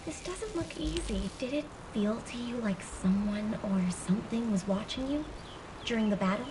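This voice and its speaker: Earnest, higher-voiced female soldier played by a woman, distant. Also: expressive, moderate pace, natural voice. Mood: wary, serious. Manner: serious, careful. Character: earnest, watchful female soldier with water powers. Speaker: game character, water-powered operative. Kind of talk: voiced game dialogue. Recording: distant, noisy with ambience behind.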